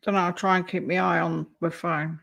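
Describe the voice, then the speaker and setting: A woman's voice: fairly low pitch, flat delivery, brisk, creaky, fairly bright tone. Chatty woman live-streamer. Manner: chatty, reacting to a clip and reading chat aloud. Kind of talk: casual live-stream chat.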